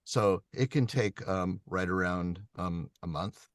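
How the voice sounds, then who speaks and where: On a video call, a low-pitched man who narrates audiobooks answers questions, explaining in a measured way with frequent ums. The recording is dry and studio-clean.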